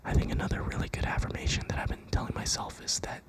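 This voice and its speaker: Young adult ASMR creator, fully whispered pep talk, gentle, reassuring and unhurried delivery. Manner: whispering throughout.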